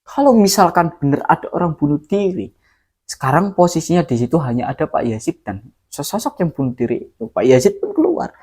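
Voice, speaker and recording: A man's voice: fairly high pitch, very animated, fairly quick, warm tone, husky. A man telling a true horror story in a casual, dramatic way, often speaking directly to his listeners.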